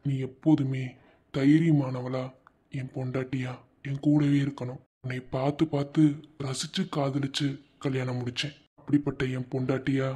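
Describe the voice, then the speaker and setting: A husky, mellow voice of a steady, loving young army husband in a cartoon, voiced by a man. He speaks Madurai Tamil at a middle pitch, gently coaxing and reassuring. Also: normal speed, natural voice. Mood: resolved. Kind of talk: cartoon voice acting.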